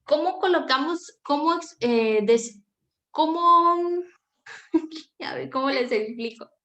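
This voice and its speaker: Patient woman teacher, high voice. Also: slow pace, fairly bright tone, highs cut off. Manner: patient, questioning, searches for words. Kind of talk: online class lesson.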